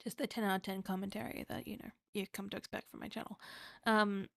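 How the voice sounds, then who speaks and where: Gravelly-voiced woman streamer, casual commentary. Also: mid-range voice, flat delivery, fast, no room sound, studio quality. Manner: chatty, self-mocking asides while reading game letters aloud. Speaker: game streamer. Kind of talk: casual let's play commentary.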